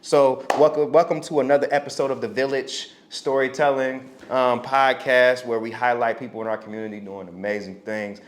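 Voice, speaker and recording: A man's voice: medium pitch, level tone, normal speed, hardly any pauses. A man hosting a community storytelling podcast, talking in a laid-back, encouraging way full of "you know.". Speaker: podcast host. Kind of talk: conversational podcast interview.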